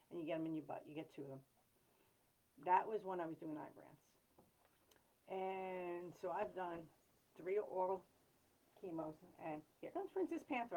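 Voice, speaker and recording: Low-voiced woman in her fifties, chatty. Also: darkish tone, muffled recording. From New York. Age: 50s. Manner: candid and chatty, halting with many fillers and restarts. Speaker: patient sharing her story. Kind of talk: casual personal storytelling.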